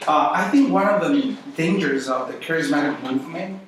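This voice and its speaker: A man's voice: a little high, normal speed. A man with a Guatemalan, Central American accent teaching a small Bible study group informally, with rhetorical questions and repetition. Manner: conversational, uses rhetorical questions and repetition for emphasis. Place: echoey indoor room. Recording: echoey room, distant mic, faint noise.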